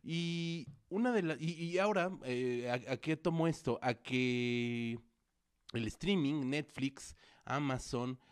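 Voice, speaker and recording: In a studio with a producer at the console, a male co-host and film critic talks through films at length in a casual review chat, with many fillers and restarts. His mid-range voice is clean in tone, and he takes it slowly.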